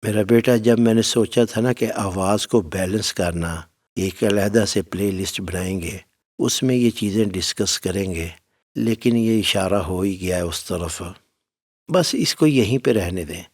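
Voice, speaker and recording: A man with a low voice teaching recitation in a warm, fatherly tone, calling his students "my son". He gives plain, firm instructions one point at a time, like a patient elder guiding pupils. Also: recorded from a distance. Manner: fatherly, addresses listeners as "my son". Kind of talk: spoken lesson with recited demonstrations.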